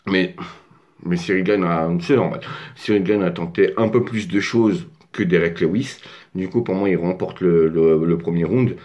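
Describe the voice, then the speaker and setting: Deep-voiced french guy chatting about a fight from his desk, lots of euh and restarts. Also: steady tone, normal speed, a little mellow, muffled recording. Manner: rambling, many fillers and restarts. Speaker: MMA fight commentator. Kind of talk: casual solo fight breakdown. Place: home desk.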